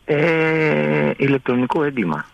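Male phone-in caller from Greece, hesitant and halting, slight line hiss. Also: a little high, animated, creaky, muffled recording. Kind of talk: phone-in quiz call. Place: phone call to a radio show.

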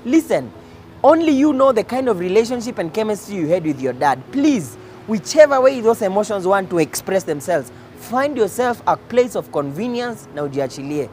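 A man's voice: high-pitched, big pitch swings, normal speed, darkish tone. Kenyan man, emphatic motivational talk, street noise behind. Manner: code-switches between English and Swahili slang. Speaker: host addressing men on faith and life. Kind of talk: motivational talk to camera, informal preaching.

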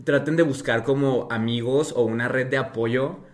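A young Mexican man, guesting on a podcast, chats casually and tells animated stories full of slang and acted-out dialogue. He speaks at a moderate pace with a medium-pitched voice.

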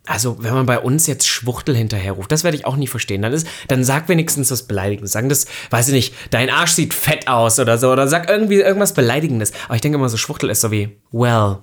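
A man's voice: mid-range voice, lively intonation, quick pace, few pauses. A young man co-hosting a podcast in casual chat, rambling and opinionated, often restarting his sentences. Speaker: podcast co-host.

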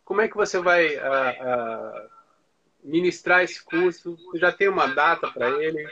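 A man interviewing a guest in a casual conversation, asking lively questions. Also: fairly high pitch, unhurried. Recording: dull audio with crowd noise.

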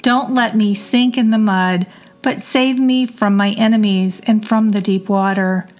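A woman reading psalms aloud in a measured devotional reading. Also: mid-range voice, steady tone, darkish tone. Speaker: scripture reader.

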